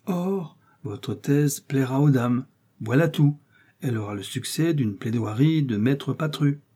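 A man's voice: mid-range voice, measured pace, dark tone, husky, pitched above the performer's own voice. A man voicing a zealous Jesuit priest who lectures in a raised, preachy voice. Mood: reproving.

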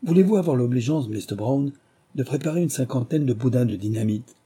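A man's voice: medium pitch, expressive, a little fast, mellow, husky. A man voicing a commanding, pompous plantation manager, as in an audiobook.

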